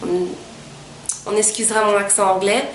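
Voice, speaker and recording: A woman's voice: mid-range voice, steady tone, measured pace. A young woman casually talking through a makeup tutorial step by step, with many small hesitations. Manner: chatty, frequent hesitations, step-by-step explaining. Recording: echoey room with faint ambient noise.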